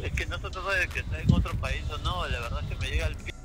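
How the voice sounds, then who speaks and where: A man's voice: fairly high pitch, racing, music in the background, poor audio. A young man outdoors in a park, speaking into a handheld mic, incredulous and defensive as he argues with his girlfriend. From Peru. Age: young adult. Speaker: prank target boyfriend. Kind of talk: street prank conversation.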